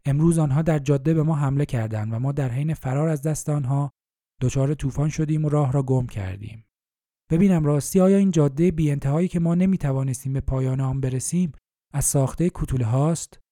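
A loyal male elf officer explains things earnestly in a dark, mellow voice. A man voices him in a storybook. The recording is dry and close. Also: a little high, no room sound, natural voice.

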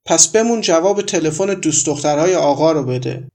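A man reading the lines of a blunt, sharp-tongued young woman friend in a story, in mocking, plain remarks. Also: fairly high pitch, lively intonation. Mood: blunt teasing.

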